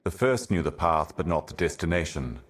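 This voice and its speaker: This video game character is an ancient cosmic envoy with a profoundly low male voice. Expressive yet measured, he intones each line like a prophet delivering obscure dark-fantasy scripture, and the mood is solemn and foreboding.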